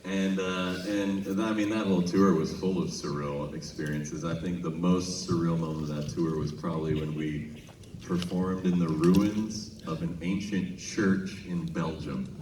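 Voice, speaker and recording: This American man, a singer from Minnesota, has a deep voice and a steady tone as he spins comic stories onstage between songs. His delivery is conversational, with pointed pauses ahead of each punchline. The setting is a large casino concert hall with heavy echo and distant, noisy PA sound.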